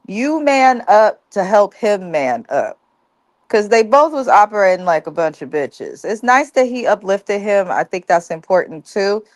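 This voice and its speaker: A woman's voice: medium pitch, sing-song, a little slow, no room sound. A woman co-hosting a TV recap, talking bluntly and profanely in a casual, ranting way. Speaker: co-host of a TV recap show. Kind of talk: casual review chat.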